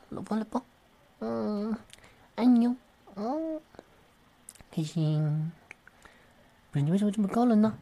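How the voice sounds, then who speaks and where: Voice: mid-range voice, dark tone, lightly acted. A performer voicing a clingy young boyfriend, talking in pleading baby talk with long hums, in a role-play audio drama addressed to the listener. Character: clingy, whiny young boyfriend, male, puppyish.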